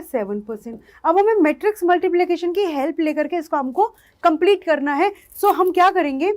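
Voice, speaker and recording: A woman's voice: sits high, darkish tone. A woman maths teacher, explaining step by step and putting questions to her students. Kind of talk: online maths lesson.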